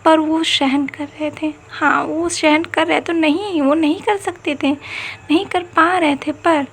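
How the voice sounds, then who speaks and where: A woman tells a story in an earnest, emotional way, often circling back over her words. Her voice sits very high with a gravelly texture. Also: steady tone, unhurried, slight background noise.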